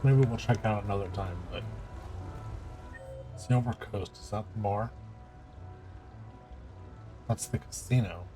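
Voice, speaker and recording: A man's voice: fairly low pitch, normal speed, long pauses, over music. A man streaming a live video game playthrough, casually reading in-game messages aloud and commenting. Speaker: let's play streamer.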